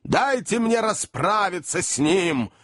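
A man voicing a stout, hot-tempered old male host who bellows and rages, with a husky voice. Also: sits high, sing-song, takes it slowly, a bit bright, pitched above the performer's own voice, exaggerated voice. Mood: raging. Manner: bellowing, furious.

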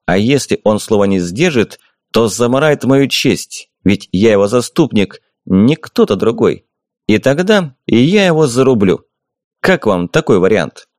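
A man voicing an honest, stiff-mannered knight who speaks in an earnest, measured way. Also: medium pitch, very animated, a little mellow, no echo, studio quality.

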